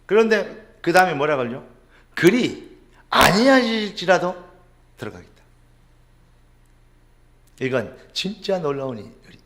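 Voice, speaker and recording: A middle-aged male pastor preaching a sermon, asking rhetorical questions and dropping suddenly to a low murmur.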